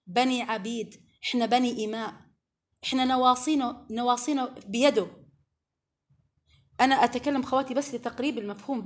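Female preacher, high voice, earnest and pleading, builds to emphatic peaks. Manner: earnest and pleading, coaxing asides and rising emphasis. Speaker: preacher addressing women. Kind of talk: religious lesson to women.

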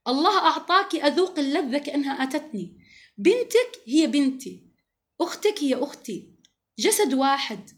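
Fast-talking high-voiced woman teaching religion. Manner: earnest, emphatic, quotes scripture often. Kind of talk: religious lesson to women.

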